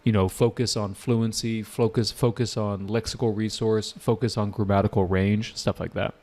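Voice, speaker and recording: A man's voice: fairly low pitch, flat delivery, normal speed, darkish tone. A man teaching an IELTS class live online, casual and often checking with his students. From United States. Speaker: IELTS tutor.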